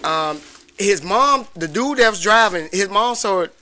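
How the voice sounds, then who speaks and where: A man's voice: high voice, animated, a little slow, bright, forceful tone, slight background noise. A male guest telling a wild personal story in slangy, profane talk, often breaking into laughter. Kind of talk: animated storytelling.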